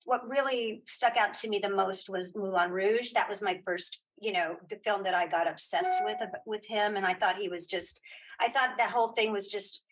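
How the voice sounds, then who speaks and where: Speaking at a normal pace in a husky, medium-pitched voice, this woman is a filmmaker and writer appearing as a casual interview guest. She tends to repeat words and begin again mid-thought, and the recording is rough.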